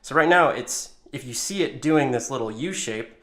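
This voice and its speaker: His mid-range voice is animated and a bit bright, at a moderate pace. As a tutorial presenter, he walks viewers through an informal hands-on demo, explaining every movement in turn.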